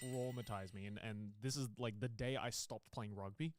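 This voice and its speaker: A young man telling a story in casual chat, animated and swearing freely. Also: lowish voice, normal speed, noisy background. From Australia. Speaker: streamer. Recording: music playing behind.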